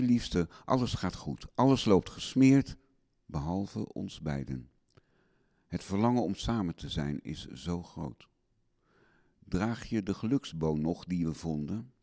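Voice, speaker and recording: A man's voice: low voice, dark tone. A young man recording a spoken letter on tape for his wife, tender, longing and melancholy.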